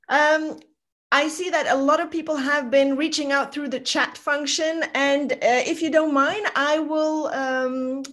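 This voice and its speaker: A woman hosting a video call toast, welcoming guests one by one with many hesitant fillers. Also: high-pitched. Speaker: host.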